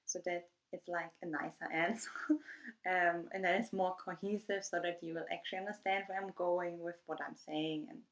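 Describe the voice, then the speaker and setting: Young German woman vlogger, slightly low voice, rambling friendly chatter with fillers. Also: steady tone, moderate pace. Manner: reads prepared answers from her phone. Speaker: YouTuber. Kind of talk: casual get-to-know-me vlog.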